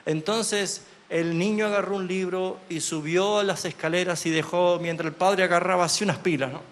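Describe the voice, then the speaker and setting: Pastor preaching in a reverberant church. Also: male voice, sits high, fairly even intonation. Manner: swings from loud proclamation to hushed near-whispers; drawn-out emphatic phrasing. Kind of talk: sermon. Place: church sanctuary. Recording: long church hall reverb.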